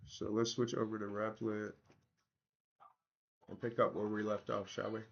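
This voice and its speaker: A man's voice: on the low side, little pitch movement, normal speed, creaky, dull audio. A man chatting casually and slangily to livestream viewers as he works, his voice not fully back after tonsillitis, with a sore, swollen-throat sound. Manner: slangy, informal, addressing viewers directly. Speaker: livestream host building an app. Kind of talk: casual livestream chat while working.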